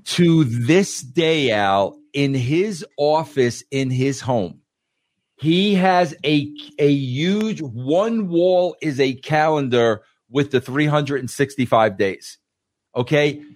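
A man with a slightly higher voice hosts a podcast, telling animated stories and tossing in "bro". The sound is dry and close. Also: takes it slowly, no echo. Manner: animated storytelling, says "bro" often. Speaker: podcast host. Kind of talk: casual excited chat.

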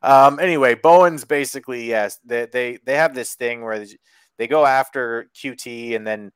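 A man's voice: mid-range voice, moderate pace, clear, resonant tone, dry recording. A man co-hosting a podcast over an online call, recapping wrestling with sarcasm, swearing and lots of ums. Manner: sarcastic and profane, frequent ums and restarts. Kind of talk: casual chat.

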